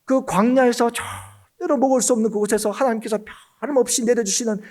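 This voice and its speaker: A man's voice: extremely high pitch, fairly even intonation, quick pace, a little mellow. A male pastor preaching a Sunday sermon, emphatic and often calling out to the congregation. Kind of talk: Korean church sermon. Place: church sanctuary.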